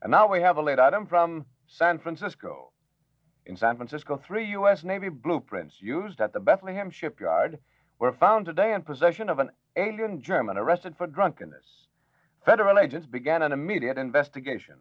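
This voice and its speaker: A man reading a formal radio news bulletin in a measured announcer manner, heard as an old newsreel-style broadcast. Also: a little high, big pitch swings, no room sound. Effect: old newsreel-style broadcast sound. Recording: dull lo-fi old radio recording, dry.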